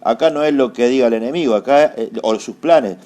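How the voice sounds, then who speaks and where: A man's voice: mid-range voice, a little fast, mellow. A man with an Argentine accent preaching a sermon, asking rhetorical questions, answering them himself and repeating phrases for emphasis. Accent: Argentine Spanish. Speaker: apostle preaching.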